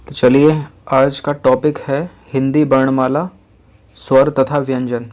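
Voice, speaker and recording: A man teaching a lesson in an explanatory classroom style, repeating each point slowly and counting items aloud. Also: mid-range voice, flat delivery, a little mellow.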